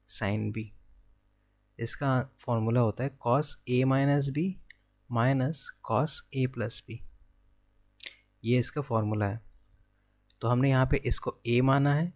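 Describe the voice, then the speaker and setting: A young man with an Indian accent teaches an exam-prep physics lesson at a mid-range pitch. He works through each formula step by step, asks himself questions and answers them right away. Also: a little mellow. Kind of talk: exam-prep lecture, working problems aloud.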